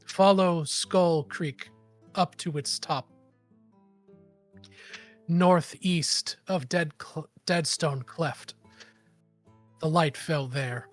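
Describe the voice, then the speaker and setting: A man voicing a guarded, stern female hunter leader in a tabletop game, speaking in a solemn, measured and weary way. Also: a little high, soft background music. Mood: grave, measured. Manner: slow, solemn, measured delivery.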